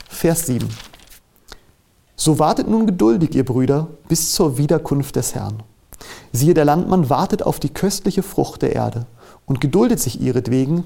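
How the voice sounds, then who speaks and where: Male preacher, earnest and measured; gravelly, warm low tone. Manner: earnest, measured preaching, reads scripture aloud with rising emphasis. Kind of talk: sermon.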